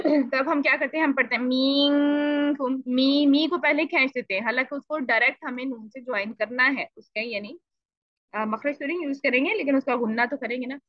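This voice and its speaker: A woman teaching Quran recitation in an online lesson, explaining patiently and repeating syllables to demonstrate, clearing her throat now and then. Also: sits high, a little fast, no echo. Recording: dull lo-fi dry audio.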